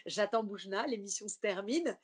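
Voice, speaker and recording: A woman comedian, a guest on a podcast, telling a story in a casual, lively way. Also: medium pitch, moderate pace, breathy edge. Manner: lively storyteller who acts out quoted people.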